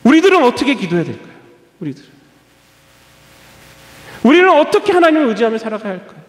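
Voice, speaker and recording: Male pastor, high and lively voice, emphatic sermon with repeated phrases, reverberant church hall. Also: very fast. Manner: emphatic preaching with rhetorical questions and repeated phrases. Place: church sanctuary.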